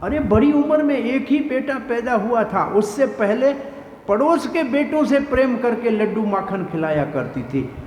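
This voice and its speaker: High-voiced man preaching in an echoey hall. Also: animated, unhurried, a little mellow. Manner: vivid storytelling that acts out scenes and explains verses. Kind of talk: devotional scripture discourse. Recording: echoey hall with faint noise.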